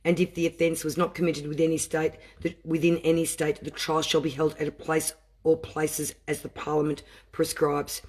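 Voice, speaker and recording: High-pitched man, impassioned reader. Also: completely flat delivery, darkish tone. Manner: deliberate reading broken by impassioned asides. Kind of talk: reading aloud and commenting.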